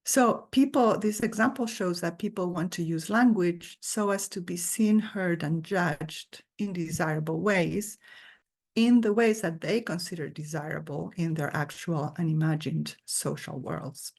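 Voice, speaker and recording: A woman's voice: on the low side, unhurried, vocal fry. A woman guest lecturer giving an earnest, thoughtful academic talk over a video call.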